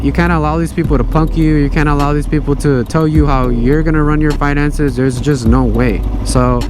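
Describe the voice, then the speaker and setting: A man giving casual advice to viewers as a motovlogger, speaking from inside a helmet as they ride, often repeating phrases for emphasis. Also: on the high side. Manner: speaking inside a motorcycle helmet while riding. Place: outdoors on a motorcycle, inside a helmet. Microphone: mic inside helmet. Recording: helmet mic with clear road and engine noise. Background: motorcycle and traffic noise.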